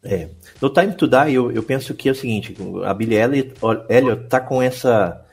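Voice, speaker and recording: A man's voice: medium pitch, moderate pace, darkish tone, slightly rough. A man with a Brazilian Portuguese accent giving casual podcast commentary, often repeating words as he goes. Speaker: podcast guest and film betting writer.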